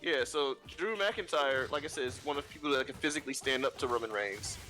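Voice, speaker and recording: A man's voice: mid-range voice, fast talker, pushed and bright, soft background music. A man in casual chat while playing a video game, rambling with lots of fillers and restarts. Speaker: guest.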